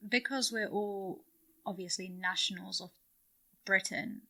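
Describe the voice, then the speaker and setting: A woman's voice: mid-range voice, unhurried, sharp tone. A teenage female student speaking thoughtfully and asking questions in a school podcast discussion. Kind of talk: casual discussion.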